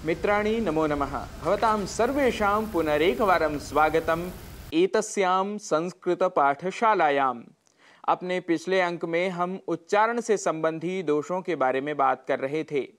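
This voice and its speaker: A Sanskrit teacher with a medium-pitched voice delivers a scripted broadcast lesson. He enunciates carefully and deliberately, keeping a measured, instructive pace.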